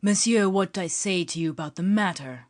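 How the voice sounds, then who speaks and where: A woman reading an audiobook, voicing a young musketeer with churchly airs, polished, ironic and measured. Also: mid-range voice, a little mellow, close to an everyday voice.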